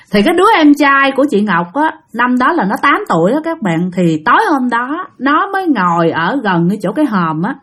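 Animated woman telling a ghost story. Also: on the high side, breathy edge. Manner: animated, addresses listeners directly, repeats for emphasis. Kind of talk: conversational ghost story narration.

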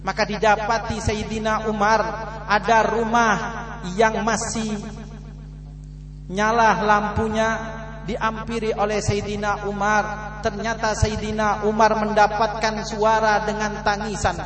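A male preacher telling a story in a sermon, dramatic and swinging from hushed to loud, recorded in an echoey hall with a humming noise. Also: high voice, monotone, a little slow.

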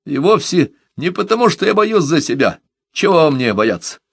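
A man's voice: medium pitch, lively intonation, unhurried, no echo, pitched above the performer's own voice. A man voicing a fretful, rambling old man with a quavering, plaintive voice in an audiobook. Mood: wheedling.

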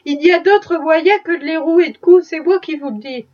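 A woman's voice: very high-pitched, normal speed. A woman doing an indignant outspoken maid. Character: indignant housemaid, young woman. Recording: dull distant recording.

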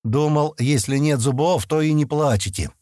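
A man's voice: a little high, normal speed, mellow, no room sound, studio quality, pitched above the performer's own voice, close to an everyday voice. A man reading an audiobook, voicing an impatient young man who grumbles and scolds his companions. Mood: puzzled. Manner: grumbling, exasperated.

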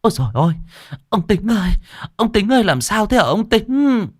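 A man voicing a shrill, frantic village wife who calls out loudly. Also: normal speed, creaky, no room sound, clean studio sound. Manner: calling out loudly, anxious.

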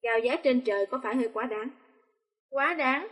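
A woman narrating a romance novel audiobook in a steady, even reading voice. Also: fairly high pitch, fast. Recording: long reverb.

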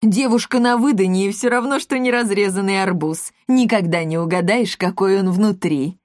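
A woman's voice: mid-range voice, moderate pace, darkish tone, no echo, clean studio sound, close to an everyday voice. Woman doing a jolly clueless father. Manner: jolly, pleased with himself. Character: silly boastful middle-aged father, cheerful and clueless.

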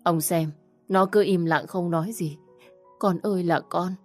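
Woman voicing an anxious middle-aged mother, low-pitched, audio story. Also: fairly even intonation, unhurried, soft background music. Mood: upset. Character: distraught middle-aged mother, grieving and fretful.

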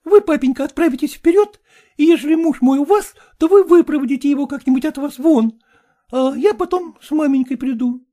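A man doing a tearful young woman, high and pleading. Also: fairly quick, mellow.

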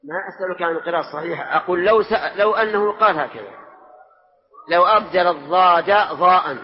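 A man's voice: high voice, quick pace. A man, a religious scholar, giving a question-and-answer lesson and quizzing his students for answers. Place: large mosque hall. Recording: dull lo-fi recording with long hall reverb.

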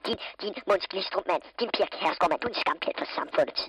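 Brief: woman doing a low jeering caller, faint noise, radio feel. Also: fairly bright tone, lightly acted, low-quality recording.

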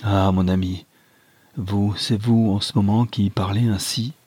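A man's voice: fairly low pitch, fairly even intonation, unhurried, a little mellow, husky, no echo. A man voicing a passionate young lover, speaking vehemently in an audiobook reading. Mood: contrite.

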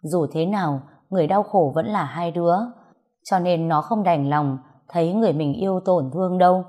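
A woman's voice: on the low side, moderate pace, warm tone. A woman reading a story aloud as scripted narration, voicing all the dialogue in her own voice.

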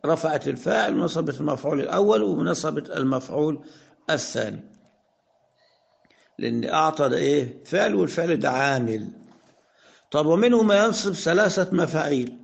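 Man, Egyptian accent, grammar lesson, gravelly voice, slightly high pitch, asks and answers his own questions, slows down on example sentences. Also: lively intonation. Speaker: Arabic grammar teacher. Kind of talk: explanatory lesson.

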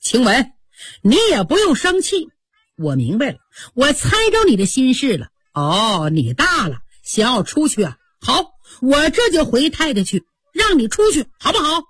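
Brief: a woman doing a hurt young master, raised pitch, husky tone. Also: very animated, normal speed, a bit bright, dry recording, exaggerated voice. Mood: aggrieved.

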